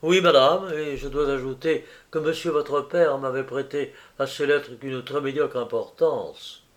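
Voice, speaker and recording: A man's voice: medium pitch, fairly even intonation, a little slow, natural voice. A man reading aloud as a solemn, respectful male secretary who speaks with reluctant gravity. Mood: grave. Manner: hesitant, solemn.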